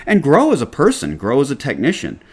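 A man's voice: medium pitch, huge pitch swings, fairly quick, breathy edge. Emphatic Southern-born man hosting a talk show. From Atlanta, Georgia, US. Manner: emphatic, lecturing, restarts often. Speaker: podcast host. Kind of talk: casual radio chat.

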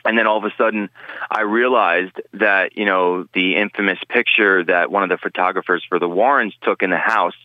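A man with a very deep voice speaks as a guest on a podcast interview. He talks in an earnest, rambling way, restarting his sentences often. The sound is dry and muffled, like lo-fi call audio. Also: steady tone, fairly quick, no room sound. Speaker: guest, paranormal investigator.

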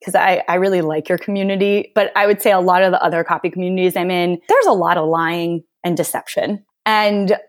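A woman copywriter telling stories in a podcast interview, lively and quick to act out what others said. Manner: animated storyteller, mimics others in high voice. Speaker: guest copywriter.

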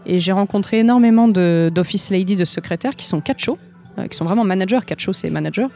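A woman's voice: mid-range voice, fast talker, mellow, soft background music. A woman from France, an interview guest, explaining things at length with frequent hesitations. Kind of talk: conversational interview.

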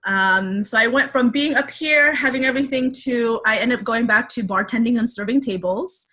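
A woman's voice: fairly high pitch, moderate pace, bright, forceful tone. A woman speaking candidly as an interview guest, reflective and open, with many fillers and restarts. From Filipino heritage.

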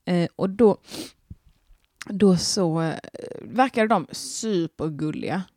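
A woman's voice: on the low side, warm tone, no room sound, clean studio sound. A young woman, chatting casually as a podcast host, rambling and gushing with lots of fillers and restarts. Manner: giggly, gushing.

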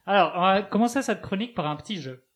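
A man's voice: sits high, expressive, fast talker. A man delivering a humorous scripted chronicle as a regular columnist, ironic and full of asides, with co-hosts laughing around him. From Spain. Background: other panelists laughing.

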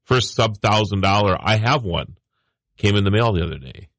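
Male co-host, lower voice, dry close studio sound, keen and chatty. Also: lively intonation, normal speed, a bit bright, no echo. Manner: chatty, enthusiastic, laughs easily. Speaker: radio show co-host, tech contributor. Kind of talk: casual on-air chat.

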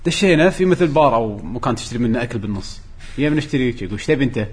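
A man's voice: medium pitch, very fast, slightly rough. A man, chatting casually on a podcast and telling travel stories, acting out the people he met. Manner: animated storyteller, acts out quoted people. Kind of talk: casual chat, travel storytelling.

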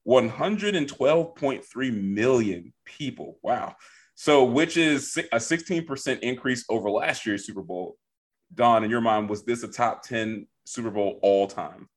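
A man's voice: mid-range voice, lively intonation, a little slow. A man hosting a sports podcast, moving the segments along in a playful, teasing way. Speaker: podcast host. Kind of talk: casual sports chat.

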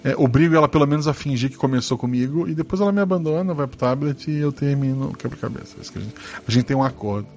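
A man's voice: medium pitch, fast, vocal fry, a little mellow, a little hiss or hum. A man with a Brazilian Portuguese accent hosting a podcast, casually joking and swearing while reading listener comments. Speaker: podcast host.

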